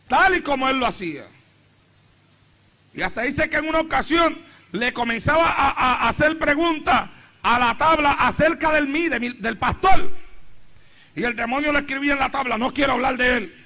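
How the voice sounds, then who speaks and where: A man's voice: very high-pitched, normal speed, long pauses, sharp tone. A middle-aged man preaching a sermon as pastor, repeating phrases with rising fervor. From Puerto Rico.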